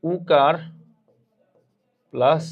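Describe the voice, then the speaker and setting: Male teacher, fairly high voice, drills words by repetition, exam-prep lesson. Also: creaky, muffled recording. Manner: repeats words aloud slowly for students to echo. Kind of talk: online admission-prep grammar lesson.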